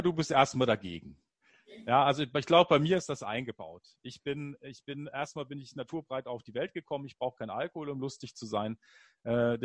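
A man in casual conversation, telling personal stories in an animated, upbeat way. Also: medium pitch, no echo.

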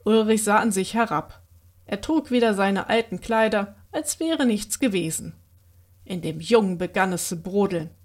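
A woman reading a children's bedtime story aloud in a gentle, expressive way. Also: medium pitch, normal speed.

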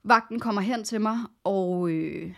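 A woman's voice: mid-range voice, gravelly, fairly bright tone. Young woman telling a shaky story. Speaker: podcast co-host. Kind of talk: casual podcast chat, personal story.

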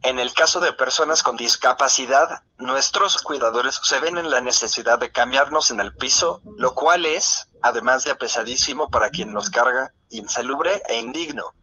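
Raspy old-style synthesized male voice. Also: medium pitch, normal speed, hardly any pauses, pushed and bright, poor audio. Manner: robotic, formal delivery. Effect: speech synthesizer. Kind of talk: prepared speech read out by synthesizer.

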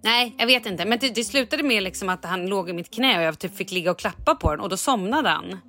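A woman in a relaxed podcast chat, telling her story with plenty of energy and acting out what she said at each turn. Her voice sits at a middle pitch, and faint music runs underneath. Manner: animated storytelling, acting out her own lines. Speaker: podcast host. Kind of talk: casual chat.

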